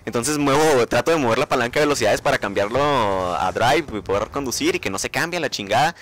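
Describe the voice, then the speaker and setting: Fast-talking young Mexican man telling a story. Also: mid-range voice. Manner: animated, swears freely, acts out his own reactions. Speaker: vlogger. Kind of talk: casual storytelling monologue.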